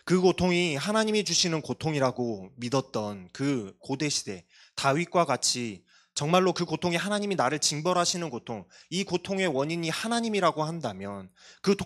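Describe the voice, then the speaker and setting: A man's voice: fairly high pitch, a bit bright. A male pastor giving a sermon to a youth congregation, earnest and confessional, with self-deprecating asides. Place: church.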